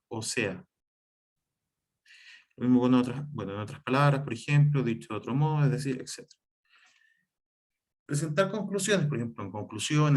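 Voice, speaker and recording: A man's voice: medium pitch, darkish tone. Man explaining spelling rules over slides. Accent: Chilean Spanish. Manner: explanatory, with fillers and self-corrections. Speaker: teacher.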